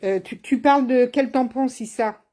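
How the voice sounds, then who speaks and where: A woman's voice: fairly high pitch, moderate pace, mellow. Chatty, teasing woman craft demonstrator. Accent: has an accent, not named. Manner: chatty and teasing, addresses viewers by name. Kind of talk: live card-making tutorial.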